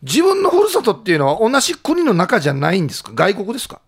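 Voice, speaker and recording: Man, high voice, rapid talk, teasing radio guesser. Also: huge pitch swings, breathy edge. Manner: quick, playful, teasing. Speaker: radio co-host guessing a riddle. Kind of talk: casual radio chat.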